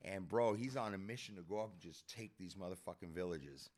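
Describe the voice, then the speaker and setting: Deep-voiced and darkish in tone, this male podcast co-host talks a little fast as he excitedly relates a story in casual conversation. Expect lots of repetition and slang, especially "bro" and "dude."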